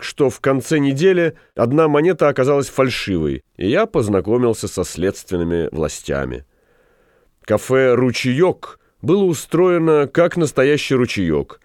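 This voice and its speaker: A man's voice: medium pitch, a little mellow, no echo, clean studio sound, pitched above the performer's own voice, close to an everyday voice. A man reading aloud, voicing a rueful male café owner who tells of his failed schemes in a plaintive, rambling way.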